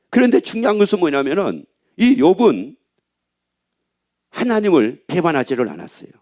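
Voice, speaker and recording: A male pastor delivers a sermon in a high voice that swings widely up and down. He speaks straight to his listeners, asks one rhetorical question after another and repeats phrases to press each point. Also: creaky, darkish tone. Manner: emphatic rhetorical questions to the congregation; repeats and restates phrases for emphasis.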